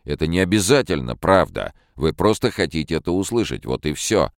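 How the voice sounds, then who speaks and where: A man's voice: very deep voice, very animated, a little fast, gravelly, no room sound, studio quality, voice pushed up, heavily acted. A man voicing an irritable, snappish mathematician in an audiobook. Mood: irritated.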